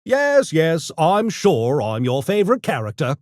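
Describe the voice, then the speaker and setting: Brain Gremlin, pompous high-voiced cartoon creature. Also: male voice, huge pitch swings, a little slow, no echo, clean studio sound. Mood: dry, condescending. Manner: pompous, wordy, mock-genteel diction. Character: small, erudite, smug male gremlin genius with mischievous menace. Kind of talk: video game character voice lines.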